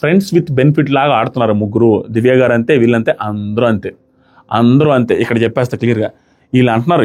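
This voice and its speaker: A man giving a casual, animated spoken review of a reality show, rapidly recapping and quoting what others said. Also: a little high.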